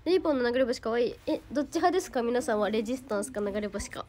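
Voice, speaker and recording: A woman's voice: fairly high pitch, animated, racing, mellow. A teenage girl from Hyogo with a Kansai accent, chatting casually on a livestream, reading out viewer comments and thanking fans by name. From Hyogo, Japan. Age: teens. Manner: bubbly, thanks viewers by name, refers to herself by name. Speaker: idol livestreamer.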